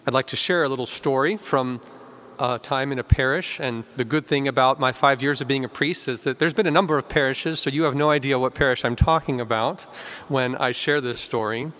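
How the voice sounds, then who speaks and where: A man, a priest, reads the Gospel and preaches at Mass in a measured, clear way, his voice ringing with cathedral echo. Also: medium pitch, fairly bright tone. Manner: measured, clear proclamation, with an easy conversational tone in the homily. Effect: cathedral echo, long church reverb. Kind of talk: gospel reading and homily at Mass. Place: church during Mass. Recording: long echoing church reverb.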